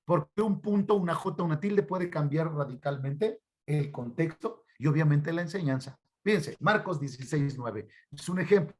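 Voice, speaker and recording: A man's voice: fairly high pitch, animated, normal speed, few pauses. A man with a Mexican Spanish accent teaching a Bible study workshop on a video call, often calling his listeners brothers and putting questions to them. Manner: addresses listeners as brothers, asks questions to the class. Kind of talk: online church workshop teaching.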